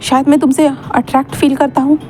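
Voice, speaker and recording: A regretful young man begs softly for forgiveness, voiced by a woman reading a story aloud. His voice is high and warm. He keeps the tone gentle and pleading. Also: flat delivery, fast, slight background noise, close to an everyday voice. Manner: soft, pleading.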